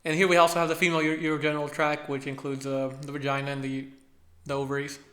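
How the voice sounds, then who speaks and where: A young man with a lisp that slurs his s sounds, giving an informal, halting research presentation as a student presenter. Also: fairly high pitch, monotone, fairly bright tone. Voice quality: lisp from braces, slushy s sounds. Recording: echoey room sound.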